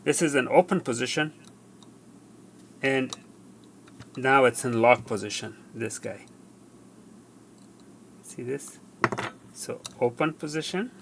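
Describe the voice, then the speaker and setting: A man with a creaky, medium-pitched voice presents a hands-on repair tutorial. He goes step by step in a halting way and repeats himself, with faint background noise behind him.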